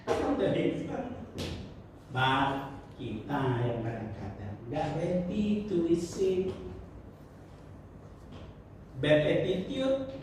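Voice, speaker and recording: High-voiced male preacher in echoey church. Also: mellow, distant mic, slight background noise. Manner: mixes English phrases, acts out quoted voices. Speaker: pastor. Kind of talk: sermon. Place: church hall. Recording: echoey church hall, mic heard from afar.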